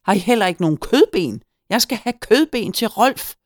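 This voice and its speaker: A woman voicing a grumpy little old male farm gnome who shouts and huffs, in a storybook reading. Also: very deep voice, very animated, gravelly, dry recording, clean studio sound, heavily acted. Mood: furious. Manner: shouting, huffy, cantankerous.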